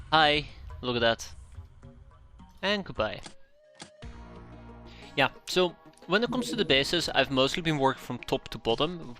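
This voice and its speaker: With a sharp tone at medium pitch, a man from the Netherlands talks casually to his chat while streaming a strategy game at home. His Dutch accent comes through as he rambles, keeps correcting himself, and chuckles in asides.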